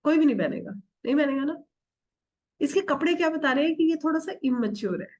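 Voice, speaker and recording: A woman's voice: high voice, lively intonation, a little fast, darkish tone, muffled recording. A middle-aged woman teaching an online tarot workshop, asking the class questions and answering them herself, with English words mixed into her Hindi. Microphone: video call.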